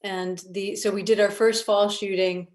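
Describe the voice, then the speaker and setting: A woman producer recounting a film shoot in a relaxed festival question-and-answer session, with light laughs. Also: medium pitch, normal speed. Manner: storytelling, casual, light laughs. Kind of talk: festival Q&A conversation.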